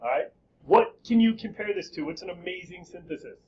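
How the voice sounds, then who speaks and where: High-voiced, joking male history teacher. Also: a little fast, highs cut off, slight background noise. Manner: lively, joking, quizzing students. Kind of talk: classroom lecture. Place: classroom.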